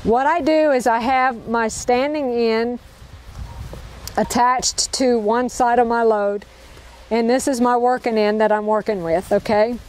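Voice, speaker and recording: Outdoors in a park, an upbeat woman shows a group how to tie knots, going over each step twice and making sure they're following along. She has a fairly high, darkish voice with fairly even intonation and a measured pace.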